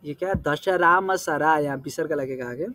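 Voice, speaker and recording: A man teaching a class, explaining terms patiently, reciting verse words slowly and often checking whether his students understand. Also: on the high side, pushed and bright, slight background noise. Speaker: Sanskrit teacher. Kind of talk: explanatory lesson.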